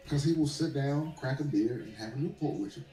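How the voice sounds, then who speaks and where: A man's voice: mid-range voice, fairly quick, mellow, roomy sound, low-quality recording. A man co-hosting a casual wrestling podcast, talking bluntly and crudely, often repeating and restarting his words. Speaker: podcast co-host.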